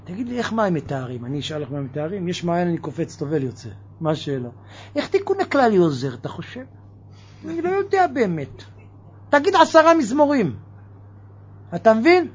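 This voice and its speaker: A man giving a lively religious sermon, firing off mocking rhetorical questions. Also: high-pitched, slightly rough, dull audio. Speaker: preacher.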